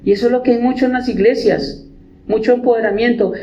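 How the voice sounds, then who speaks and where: A male pastor, preaching a sermon with animated delivery and acting out the voices of believers. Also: very high-pitched, fast. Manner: animated, acts out quoted believers. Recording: echoey church with music, dull sound.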